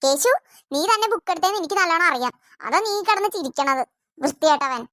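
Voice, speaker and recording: A woman's voice: sits high, lively intonation, fast talker, a bit bright, dry recording, studio quality. A woman voicing a sulky elder daughter in a family cartoon who complains that she is always the one blamed. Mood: accusing. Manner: complaining, accusatory.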